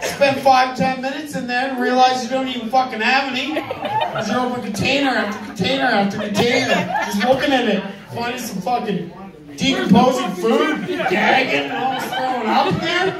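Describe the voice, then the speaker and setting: A man's voice: very high voice, moderate pace. A man performing an amateur stand-up comedy set in a conversational, profane, exasperated way. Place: live comedy venue with audience. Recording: echoey room, distant mic, audience laughter. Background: crowd laughter.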